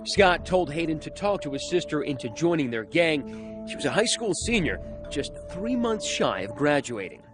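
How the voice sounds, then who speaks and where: A man narrates a true-crime newsmagazine segment with punchy, suspenseful delivery. His pitch sits a little high and swings widely across each line. Dramatic music plays clearly underneath him. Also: big pitch swings, moderate pace.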